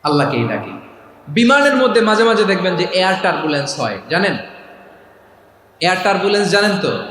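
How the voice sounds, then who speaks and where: A man with a high voice preaches a sermon to a large gathering, firing questions at the crowd and pressing them to answer aloud. His voice rings through an echoey public-address sound with faint background noise. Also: a bit bright. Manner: chants the dhikr in a drawn-out sung voice.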